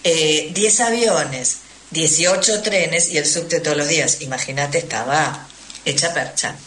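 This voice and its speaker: Speaking unhurriedly in a low, slightly bright voice, a traveller from Argentina tells her stories as a radio interview guest. She is chatty and emphatic, repeating words to stress them, and has an Argentine Spanish accent. Faint noise and a roomy echo are audible.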